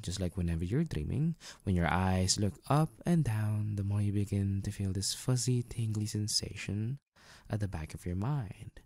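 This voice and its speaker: Guy hypnotist, lowish voice, dry close sound, calm slow talk with casual bits. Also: no echo. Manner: slow, soothing instructions with casual asides. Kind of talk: guided hypnosis induction.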